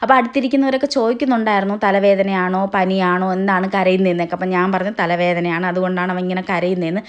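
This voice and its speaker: A young woman with a Kerala Malayalam accent talks quickly in a casual, chatty vlog narration. She keeps tagging her sentences with little "kettoo"s as she explains things at a middling pitch. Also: fairly even intonation. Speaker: family vlogger.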